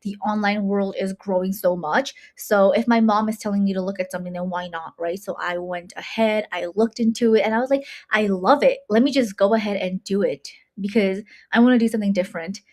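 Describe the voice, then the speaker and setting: A bubbly young woman in her twenties from Nepal talks casually as an interview guest. Her voice is mid-pitched and she fills her talk with "like" and "um". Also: fairly even intonation, brisk, few pauses, darkish tone. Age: 20s. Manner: bubbly, chatty with many fillers. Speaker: guest, university student.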